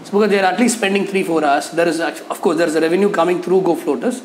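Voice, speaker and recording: A man, a cafe owner sharing feedback in an interview. His voice sits a little high, and he talks hesitantly with lots of fillers. He is recorded on a lapel mic in an echoey cafe room with a faint hum behind him. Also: rapid-fire. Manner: hesitant, many fillers and restarts, gestures while talking. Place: cafe with painted mural wall, indoors.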